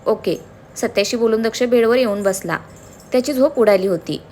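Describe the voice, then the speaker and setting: A woman reading a serialized story aloud as narrator, in an even storytelling manner. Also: fairly high pitch, brisk.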